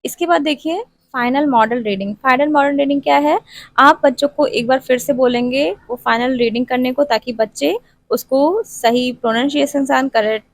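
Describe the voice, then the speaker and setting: A woman explains teaching steps in an exam-prep lecture, her voice high and gravelly. She mixes Hindi with English terms and slows down to read definitions aloud. The sound is dry and close. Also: no room sound. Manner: repeats a check-in tag after each point. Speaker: teacher-training tutor.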